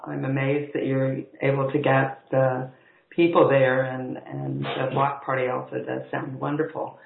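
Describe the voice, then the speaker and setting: A man's voice: mid-range voice, gravelly. A man calling in over an internet video call, sounding like he is in a cave, speaking earnestly and giving practical advice. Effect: cave-like echo on the voice. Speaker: call-in participant. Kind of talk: casual conversation. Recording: echoey, tinny internet call line.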